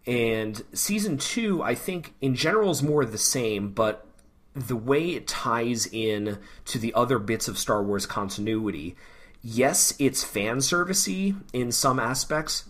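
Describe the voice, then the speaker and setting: A man's voice: mid-range voice, animated, measured pace, fairly bright tone. A man co-hosting a podcast in casual chat, rambling with many ums. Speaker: podcast co-host.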